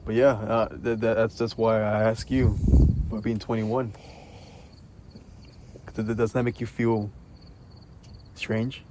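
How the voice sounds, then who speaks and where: Outdoors in an empty parking lot, with a steady chorus of crickets and night insects behind him, a twenty-one-year-old host asks questions in a casual, unscripted chat. His voice is on the low side and a little slow, with long pauses, and he stammers over the beginnings of words.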